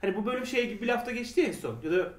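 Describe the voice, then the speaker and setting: Quick high-voiced man in an echoey room. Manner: animated, rambling with many fillers. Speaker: podcast co-host. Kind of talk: casual review chat. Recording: roomy echo, a bit far from the mic.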